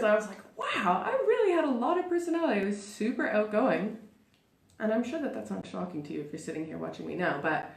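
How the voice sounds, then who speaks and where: A woman in her thirties talks through her childhood as a live show host, chatty and theatrical, often poking fun at herself. Her voice sits in a middle pitch. The sound is roomy, with the space ringing around her. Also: creaky. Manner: theatrical and self-mocking; chatty, with frequent "like" and "super". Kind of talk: live personal monologue. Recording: roomy echo.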